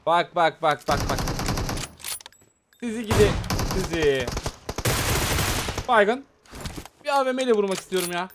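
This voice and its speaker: A man hosting a gaming channel, giving excitable live commentary on a shooter match and chatting casually with his viewers. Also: sits high, moderate pace, long pauses, very noisy.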